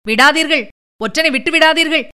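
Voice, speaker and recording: A woman voicing a frantic young man, a physician's son, who keeps shouting accusations in an audiobook story. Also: fairly high pitch, normal speed, clear, resonant tone.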